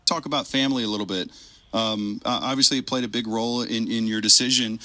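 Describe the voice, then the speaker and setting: A man interviews a guest, asking his questions with friendly hesitation. His voice is very bright and close, and the sound is dry. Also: mid-range voice, fairly even intonation, fast, no echo.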